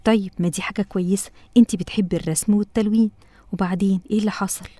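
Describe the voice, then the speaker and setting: Woman playing a cartoon mom, Egyptian accent, mellow, very fast, gentle, coaxing. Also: medium pitch, steady tone, dry recording, clean studio sound, lightly acted. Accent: Egyptian Arabic. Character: patient, loving mother. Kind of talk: cartoon voice acting.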